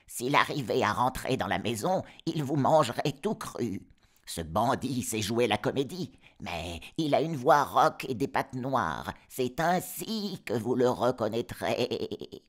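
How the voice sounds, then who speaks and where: A man voicing an anxious old mother goat who gives slow, earnest warnings. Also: medium pitch, very animated, a bit bright, voice pushed up, heavily acted. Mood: worried.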